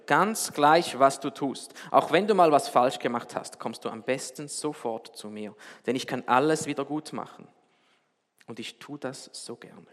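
A kind king speaks slowly and softly in an even, mid-pitched voice, as a man puts him on. Every word lingers in a long hall reverb. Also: lightly acted. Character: gentle fatherly king, calm, deep-voiced.

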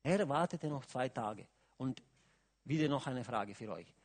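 A man preaching a sermon, asking his listeners questions and swinging from quiet musing to loud, emphatic calls. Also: medium pitch, expressive, measured pace. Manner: asks the audience questions, adds "oder?" often.

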